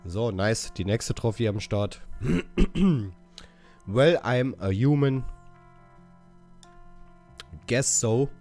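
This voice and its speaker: Slow-talking man narrating a game walkthrough. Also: mid-range voice, lively intonation, a little mellow, soft background music. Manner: reads English dialogue options haltingly, correcting himself. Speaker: gaming channel host. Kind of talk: casual game walkthrough commentary.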